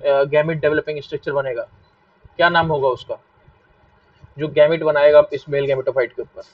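A man's voice: fairly high pitch, fairly even intonation, normal speed, no echo. A male biology teacher with a Hindi accent giving a live online class, repeating key points and asking his students questions. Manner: repetitive, asks students questions and scolds them to stop fighting. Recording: dull lo-fi mic, a bit distant.

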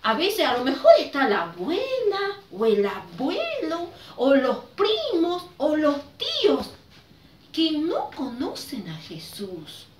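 Woman, children's sermon, lively high voice, slow, distant mic, faint room noise. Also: roomy sound. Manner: slow, sing-song teaching voice, leading children in prayer. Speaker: children's ministry teacher.

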